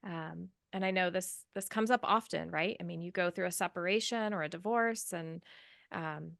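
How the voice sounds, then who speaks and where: A woman's voice: on the low side, normal speed, vocal fry, fairly bright tone, dry recording, studio quality. An American woman co-hosting a podcast, upbeat in tone, with frequent "um"s in casual talk. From United States. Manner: upbeat, says um often. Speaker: podcast co-host. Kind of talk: podcast intro and casual chat.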